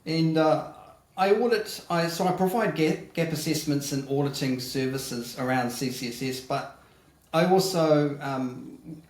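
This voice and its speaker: A man's voice: fairly high pitch, a little slow. Male guest auditor in a roomy space. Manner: plain, explanatory, with many ums. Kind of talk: casual interview answers.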